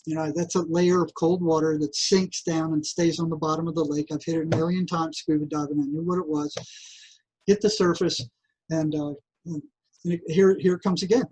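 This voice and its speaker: Older man, husky voice, animated storyteller who stumbles and restarts often. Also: fairly high pitch, normal speed, low-quality recording. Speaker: guest, psychotherapist. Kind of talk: casual interview storytelling.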